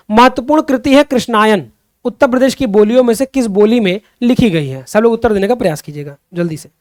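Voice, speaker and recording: A man's voice: very high-pitched, darkish tone, dry recording, studio quality. A young man teaching a Hindi exam-prep class online. He keeps repeating the questions, calls his students friends and children, and pushes them to answer, sometimes drifting into fervent remarks on society. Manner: digresses into impassioned social commentary.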